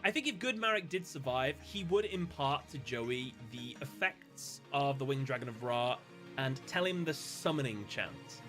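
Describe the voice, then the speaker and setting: A man speculating about a fan story in a playful, animated way, full of quick asides. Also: a little high. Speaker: video creator.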